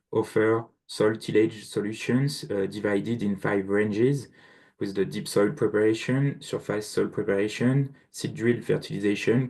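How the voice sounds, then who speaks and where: A man's voice: on the low side, creaky, darkish tone. A man with a French accent, presenting as a sales manager on a video call, careful and apologetic about his English. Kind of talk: webinar presentation.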